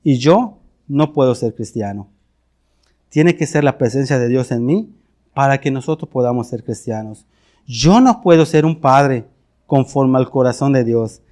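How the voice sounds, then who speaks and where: Mexican pastor guy preaching, earnest, stumbles and repeats words, middle-aged, mid pitch. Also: a little slow, warm tone. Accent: Mexican Spanish. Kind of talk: sermon.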